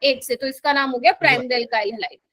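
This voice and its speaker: Woman, chemistry teacher, high bright voice, dry close sound, coaxing and quizzing. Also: moderate pace, no room sound. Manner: coaxing, keeps quizzing students and calling them "my child". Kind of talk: live classroom lecture. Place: classroom.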